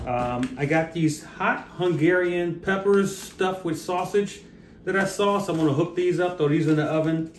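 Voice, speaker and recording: A man's voice: on the high side, reverberant, a little hiss or hum. A middle-aged man hosting his own cooking and brewing vlog, talking in an easygoing, chatty way with fillers and restarts, holding the camera at arm's length. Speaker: host of a cooking and brewing channel. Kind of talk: casual vlog talk. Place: outdoors on the street, then a home kitchen. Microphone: camera held at arm's length.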